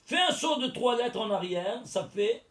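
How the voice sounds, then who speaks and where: A man's voice: very high-pitched, expressive, a little slow, fairly bright tone, a little hiss or hum. A man giving a religious text lesson, explaining step by step, counting letters aloud and asking and answering his own questions. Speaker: teacher.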